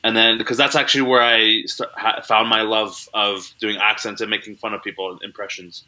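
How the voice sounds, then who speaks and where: A man's voice: on the low side, little pitch movement, normal speed, bright, forceful tone, rough recording. A young man from Canada, a comedian chatting as a guest over a video call in a laid-back, slangy way. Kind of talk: casual interview chat.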